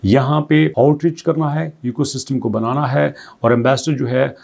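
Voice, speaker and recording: Hosting a crypto news channel, a man with a warm, darkish, middle-pitched voice reads English passages and then explains them conversationally. He stacks up rhetorical questions and restates points plainly, keeping a steady tone and moderate pace with some vocal fry.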